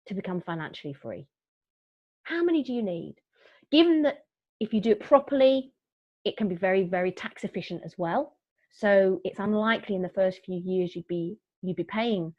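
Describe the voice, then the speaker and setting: With a darkish mid-range voice, animated and at a moderate pace, the middle-aged woman keeps her property investment webinar chatty and upbeat, though she often uses fillers and restarts. The webinar audio is dull, dry and lo-fi.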